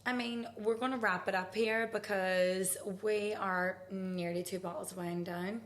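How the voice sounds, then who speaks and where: Young woman hosting a chatty podcast, lots of "like", mid-pitched voice. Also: fairly even intonation, unhurried. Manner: chatty, swears casually, lots of "like". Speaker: podcast host. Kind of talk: casual chat.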